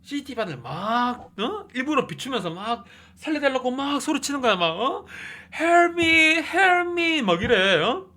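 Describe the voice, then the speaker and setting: A man hosting a movie review channel, recapping a plot in a casual, animated way and often tossing in a questioning "eh?". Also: very high voice, normal speed. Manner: animated, keeps adding a questioning "eh?".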